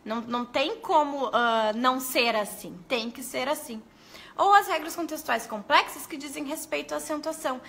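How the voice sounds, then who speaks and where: Woman, teacher trainer, live-streamed lesson, high voice, crisp and bright tone. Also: moderate pace. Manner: lively, animated, addresses viewers as "gente".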